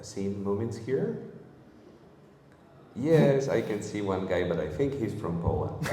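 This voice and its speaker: A man hosting a convention panel, friendly and halting with many fillers. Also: deep voice, a little mellow. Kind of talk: convention stage presentation. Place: convention hall stage. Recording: roomy echo, long hall reverb, faint hall noise.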